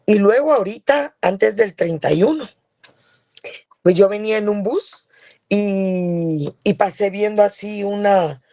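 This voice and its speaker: A woman tells a church testimony in an earnest, storytelling way and keeps checking in with her listeners. Her voice is warm and mellow. The sound is dry and close, as on a video call. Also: medium pitch, no room sound. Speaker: church member giving a testimony. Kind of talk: spoken testimony.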